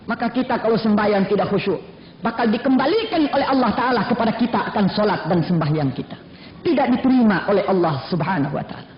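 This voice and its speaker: A male Islamic preacher telling a story to his students in an animated sermon, at times breaking into sung Arabic recitation. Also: high-pitched, fast talker, a little hiss or hum. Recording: roomy, dull lo-fi recording with faint background.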